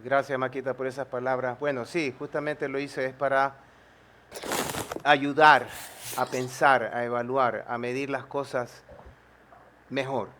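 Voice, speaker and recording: A man's voice: mid-range voice, flat delivery, measured pace, pauses often, sharp tone, a little hiss or hum. Emphatic man hosting live. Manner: persuasive, emphatic, repeats phrases. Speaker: host of a live stream. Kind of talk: live-stream commentary.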